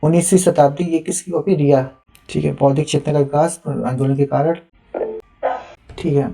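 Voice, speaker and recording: A man's voice: a little high, fairly even intonation, normal speed, gravelly, dark tone, slightly rough. A young adult man, a teacher, giving live feedback on students' written answers and reading them aloud in a patient, instructive way. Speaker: teacher evaluating answer sheets.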